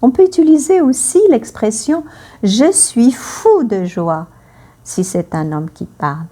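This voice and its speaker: A woman teaching a French lesson, speaking slowly and clearly, repeating phrases for learners and acting out the emotions in her example sentences. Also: fairly high pitch, animated, warm tone.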